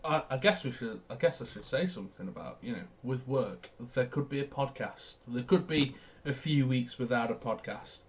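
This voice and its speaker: A man's voice: mid-range voice, normal speed, few pauses, a little hiss or hum. A young man from Australia co-hosting a casual sports podcast, explaining plays with eager enthusiasm. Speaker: podcast co-host.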